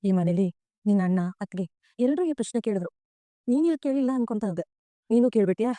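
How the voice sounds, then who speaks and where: An actress playing a sorrowful, tender middle-aged mother in a TV serial, speaking softly and pleadingly. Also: mid-range voice, lively intonation, fast, no echo, lightly acted. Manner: soft, pleading, tearful at times. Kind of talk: TV serial acting.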